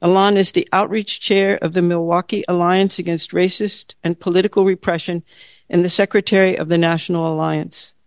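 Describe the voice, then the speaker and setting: A woman hosting an event, reading a steady, formal introduction of her guest. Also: fairly low pitch, fairly quick, dry recording.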